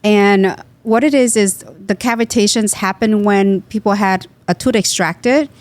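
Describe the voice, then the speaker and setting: A guest dentist from Vietnam explains her practice in a podcast interview, earnest and teacherly, with loose grammar that drops small words. Her voice is medium-pitched at a measured pace, and the recording is dry.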